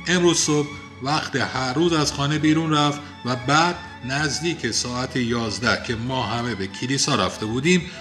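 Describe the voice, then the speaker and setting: A man's voice: medium pitch, close to an everyday voice. A man reading aloud voices a stern, imperious middle-aged father who speaks in a clipped, severe way.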